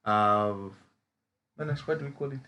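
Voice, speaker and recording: A man's voice: medium pitch, normal speed, pushed and bright, slight background noise. A man from Zimbabwe with a Zimbabwean English accent, a trading mentor who explains chart patterns in a live lesson and keeps asking rhetorical "as a what?" questions.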